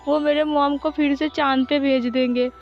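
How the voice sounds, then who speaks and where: A tearful little boy pleads in a high, childish voice, as a woman storyteller puts him on. The sound is a little dull, with faint music running underneath. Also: flat delivery, moderate pace, lightly acted. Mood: tearful pleading. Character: small weepy boy pleading for his mother.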